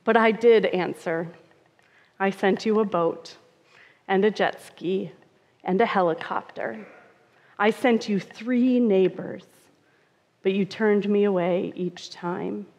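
A woman voicing a gentle, loving God who speaks tenderly and patiently. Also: mid-range voice, slow, pauses often. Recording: reverberant, dull church sound.

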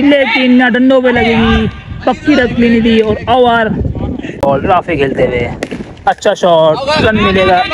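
A man giving brisk ball-by-ball commentary on an amateur indoor cricket match. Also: extremely high pitch, low-quality recording. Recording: crowd noise behind.

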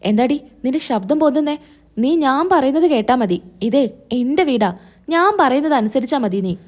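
A woman's voice: sits high, expressive, normal speed, darkish tone. A woman voicing a domineering older mother-in-law who speaks in a harsh, cutting, commanding way in a retold serial story. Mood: scornful.

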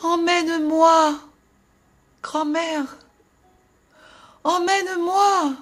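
A woman voicing a poor, freezing little girl in a storybook reading, pleading in a high childlike voice. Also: steady tone, drawn-out words, a bit bright, exaggerated voice. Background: faint music.

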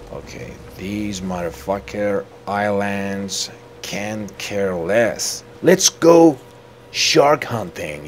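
Deep-voiced man joking through gameplay. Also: a little hiss or hum. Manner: joking, crude banter with game characters, sudden loud outbursts. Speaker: streamer. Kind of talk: gameplay commentary.

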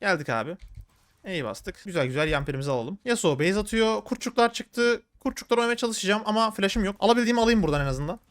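Rapid high-voiced male gamer. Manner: rapid, excitable, slangy, talking to viewers. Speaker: gaming streamer. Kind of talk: live gameplay commentary.

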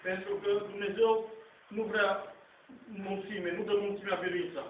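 A middle-aged lay preacher delivers a fervent, unscripted sermon in a small church hall, exhorting earnestly and repeating himself, his high voice holding a steady tone. It was captured from the congregation on a distant handheld camera, so the phone recording sounds tinny, noisy and echoey.

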